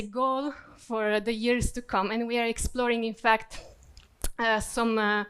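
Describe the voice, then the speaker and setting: This Croatian woman, whose first language is Croatian, works as a corporate learning specialist and is giving a business conference presentation. Her voice is a little high, clear and smooth, and the close-miked recording has no room sound at all. She explains steadily and methodically, sometimes stopping to find the right word.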